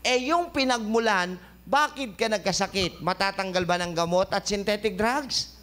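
Male doctor-host, high-pitched, jokey lecturer who keeps quizzing the room, studio. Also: normal speed, fairly bright tone. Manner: joking, quizzing listeners with questions. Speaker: health talk show host and doctor. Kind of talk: lively health lecture.

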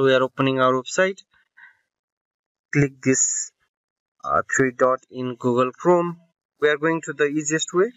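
A man's voice: fairly high pitch, fairly bright tone, no room sound. Man, tech tutorial voice-over, step-by-step explaining, dry close sound, slightly dull audio. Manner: explanatory, with fillers and self-corrections. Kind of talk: screen-recording tutorial voice-over.

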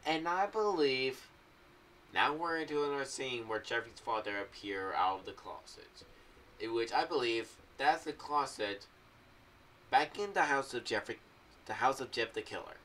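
A young adult man reviewing an audio drama series on YouTube rambles casually through his theories in loose phrasing. His voice is medium-pitched, fairly bright, at a normal speed. He records in a small home room on a boom-arm condenser mic with a pop filter set slightly to the side, so it sounds a bit distant with faint background noise.

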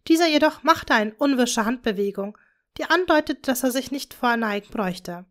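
A woman reads a story aloud in calm, even storybook narration. Her voice sits somewhat high. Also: normal speed. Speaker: fan fiction reader.

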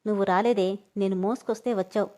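A man's voice: sits high, steady tone, a little mellow, pitched below the performer's own voice, lightly acted. A woman voicing a fond, teasing young husband. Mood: tender. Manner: fond and teasing, speaks quickly.

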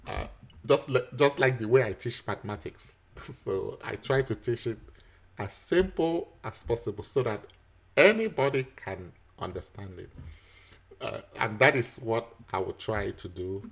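A man teaching a screen-recorded software tutorial, explaining each step patiently, with frequent fillers and chuckles. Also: on the low side, creaky.

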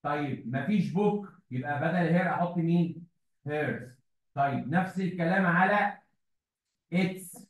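A man's voice: a little high, measured pace. A man with an Egyptian Arabic accent teaching an English grammar class online, patiently explaining and quizzing his students. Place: classroom at a whiteboard. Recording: echoey room, far from mic.

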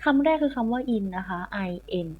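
This woman's voice is a little high and expressive, moving at a moderate pace as she runs an online English class for primary pupils. She patiently says words again and spells them letter by letter, heard through thin, phone-like sound.

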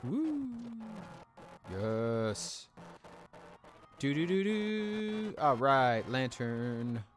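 A man streaming a video game from home in casual let's-play commentary, playful and animated, reading game text aloud and humming along. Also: medium pitch, very slow, slight background noise.

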